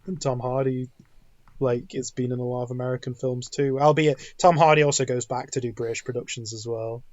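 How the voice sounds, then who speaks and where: A man's voice: mid-range voice, flat delivery, brisk, no room sound, highs cut off. A man co-hosting a podcast in casual chat, rambling and restarting his sentences often. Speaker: podcast co-host.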